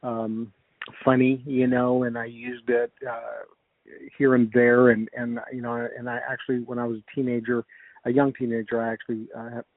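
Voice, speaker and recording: A middle-aged American man chatting casually as an interview guest over the phone, recalling things in a rambling, halting way. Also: medium pitch, flat delivery, dry recording. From United States. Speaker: guest, comedic ventriloquist. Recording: narrow, dull radio-like phone line.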